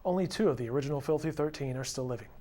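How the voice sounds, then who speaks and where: A man's voice: mid-range voice, very fast, mellow. A man reading scripted news narration as a reporter, in a feature story. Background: music.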